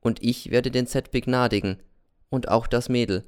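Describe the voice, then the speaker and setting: A man narrating an audiobook in a measured, introspective first-person telling. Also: medium pitch, steady tone, darkish tone, smooth, dry recording, clean studio sound.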